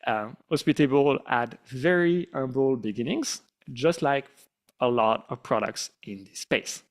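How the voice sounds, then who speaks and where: The company founder, a middle-aged man with a French accent, gives a relaxed, self-deprecating town hall presentation full of fillers. His voice is mid-range and his pace a little slow.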